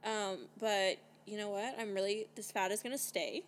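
A woman's voice: medium pitch, normal speed, slight background noise. A woman of twenty-two from British Columbia, hosting a podcast in casual, chatty talk full of "like" and casual swearing, recorded outdoors. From British Columbia, Canada. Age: 20s. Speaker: podcast host. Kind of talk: casual chat.

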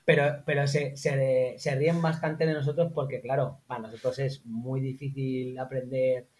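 Man, interview guest, lively anecdote teller in relaxed chat. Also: normal speed. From Spain. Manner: animated anecdotes, acts out quotes in high voices. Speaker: interview guest, former teacher in Morocco. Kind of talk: casual conversational storytelling.

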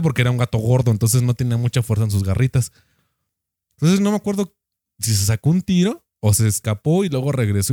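A young man with a Mexican accent telling a profane, animated anecdote in casual chat. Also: mid-range voice, dry recording, studio quality. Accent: Mexican Spanish.

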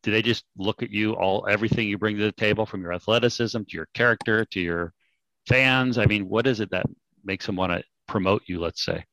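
A man's voice: fairly low pitch, fairly quick, fairly bright tone, no room sound, rough recording. A man from California interviewing a guest in a casual way, asking long, winding, curious questions.

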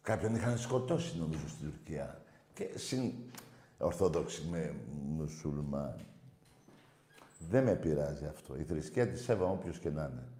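A man's voice: a bass voice, animated, warm tone, echoey room. Brash, profane man hosting a call-in. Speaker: call-in show host. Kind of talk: casual phone-in talk.

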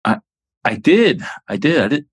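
A man's voice: medium pitch, sing-song, normal speed, breathy edge, pitched above the performer's own voice. A man voicing a guarded woman federal agent who answers her caller tersely and hesitantly in a tabletop game. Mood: flustered.

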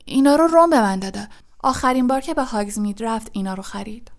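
A woman reading an audiobook, voicing an angry, defiant teenage schoolboy who bursts out loud and fast. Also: high-pitched, lively intonation, pitched above the performer's own voice. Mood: nervous. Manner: raised, loud and hurried outbursts.

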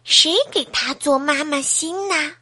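A woman voicing an earnest little schoolchild in a storybook, speaking in a hushed way. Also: high voice, unhurried, no room sound.

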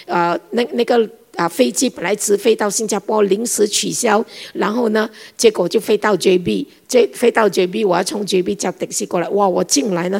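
A middle-aged woman giving a sermon, telling a family story in an animated way and acting out the dialogue. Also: medium pitch, vocal fry, breathy edge. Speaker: preacher.

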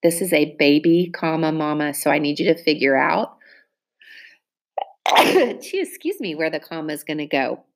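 A woman teacher giving a spelling test, reading each word clearly and using it in an example sentence. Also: low-pitched, animated, moderate pace. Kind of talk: spelling dictation lesson.

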